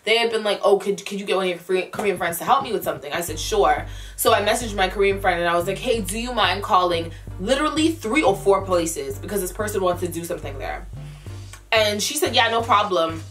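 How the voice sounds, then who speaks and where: A woman's voice: medium pitch, fairly quick. Casual, emphatic young woman over music. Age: young adult. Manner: emphatic, repeats phrases for stress; candid advice-giving. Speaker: vlogger answering viewer questions. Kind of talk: casual mukbang chat to camera.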